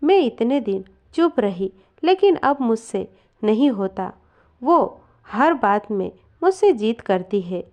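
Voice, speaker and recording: A woman reading the lines of an angry, stubborn older mother-in-law in a curt, scolding way, at a slow storyteller's pace. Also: on the high side, big pitch swings, a little mellow, lo-fi sound.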